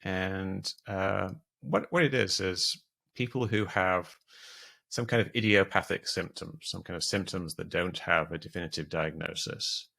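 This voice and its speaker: Gravelly low-voiced man explaining. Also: a little slow, bright, forceful tone. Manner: explains at length with frequent restarts and fillers. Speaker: guest, debunker of conspiracy theories. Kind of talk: casual podcast interview.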